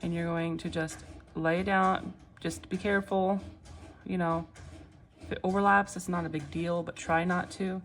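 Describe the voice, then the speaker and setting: A woman giving a casual, step-by-step craft tutorial in a reassuring, unhurried way, often checking in, with machine noise behind her. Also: fairly low pitch, little pitch movement. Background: machines running, clicking sounds.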